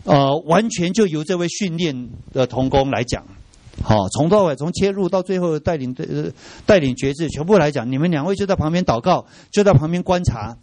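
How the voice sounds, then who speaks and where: In a church training class, a lively middle-aged man often asks his listeners rhetorical questions and mixes English into what he says. His voice is medium-pitched.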